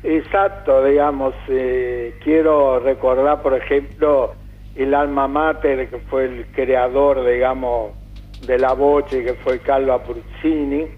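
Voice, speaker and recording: An older man from Calabria, Italy, reminiscing as a radio interview guest, halting and full of fillers. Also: mid-range voice, flat delivery. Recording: tinny phone-like radio sound.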